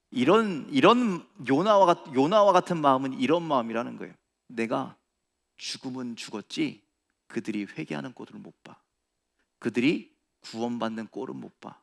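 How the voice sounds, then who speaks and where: A middle-aged man preaching a sermon as pastor, animated, acting out quoted prayers in a raised voice. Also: mid-range voice, creaky. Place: large church sanctuary. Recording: reverberant church hall.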